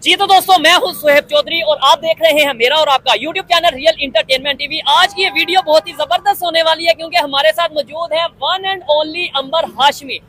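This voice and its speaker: A man's voice: very high-pitched, a little fast, hardly any pauses, sharp tone, slight background noise. A man with a Pakistani accent hosting a street interview for his channel, easygoing and conversational. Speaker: YouTube interviewer, host.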